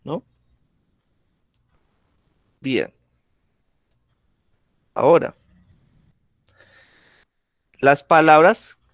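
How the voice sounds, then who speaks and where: A man's voice: on the high side, fairly bright tone, no room sound, clean studio sound. A man teaching a grammar lesson over a video call, speaking patiently and checking in with the class often. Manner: slow, patient, checks in with frequent "¿sí?".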